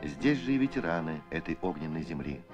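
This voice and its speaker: A man with a deep voice narrates in the manner of an old Soviet newsreel. His delivery is scripted, solemn and measured, with a declamatory documentary tone. Music plays clearly behind him on the archival soundtrack. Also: big pitch swings, lo-fi sound.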